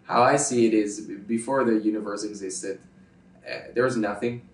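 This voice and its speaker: Answering interview questions at normal speed, a Dutch YouTuber guest from the Netherlands, whose first language is Dutch, has a fairly low voice and fairly even intonation. Emphatic, he repeats points and checks in with "right?". He is far from the mic, so the sound is roomy with slight background noise.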